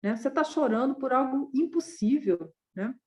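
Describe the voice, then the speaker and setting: A woman's voice: sits high, lively intonation, normal speed, darkish tone, pitched above the performer's own voice. A woman voicing a remorseful Brahmin father mourning his son in a retold Buddhist tale. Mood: grieving.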